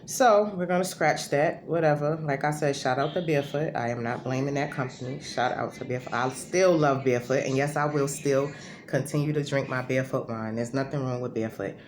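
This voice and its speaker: Speaking from home in a very deep, brisk voice, a woman vlogs straight to camera, rambling casually and correcting herself as she goes. Her talk is loose and conversational, and the home recording is noisy.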